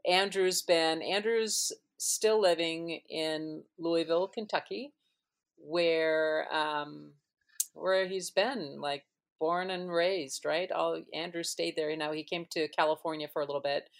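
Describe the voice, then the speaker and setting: A woman's voice: sits low, fairly even intonation, takes it slowly, creaky. A woman from Minnesota hosting a casual podcast, chatty and rambling, laughing easily. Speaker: podcast host. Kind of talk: casual chat.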